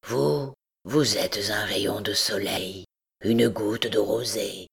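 A woman voicing a deformed, deaf hunchbacked man, speaking in a rough voice kept very soft and half-whispered. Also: very deep voice, takes it slowly, pitched below the performer's own voice, exaggerated voice. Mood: sorrowful. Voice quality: rough voice spoken very softly. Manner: hushed, half-whispered pleading. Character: deformed deaf hunchbacked male bell-ringer, timid and sorrowful.

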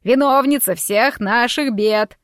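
A woman voicing a rowdy townsman who shouts gleefully to stir up the crowd. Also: a little high, slow pace, no room sound, clean studio sound. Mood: gloating.

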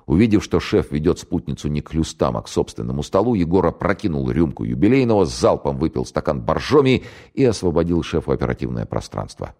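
Very deep-voiced male narrator. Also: big pitch swings, fairly quick, creaky, few pauses, darkish tone. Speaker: audiobook narrator. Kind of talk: scripted novel narration.

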